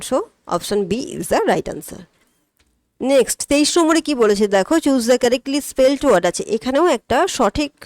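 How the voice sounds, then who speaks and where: A woman teaching an English exam-prep lesson. She explains each answer step by step, poses questions and answers them herself, and reads the English items slowly. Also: sits high, darkish tone, dry recording.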